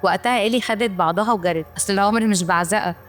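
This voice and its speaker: An Egyptian woman races through a scripted film recap in a mid-pitched voice and a lively, colloquial storytelling manner. Faint music plays underneath. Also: racing. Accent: Egyptian Arabic. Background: faint background music.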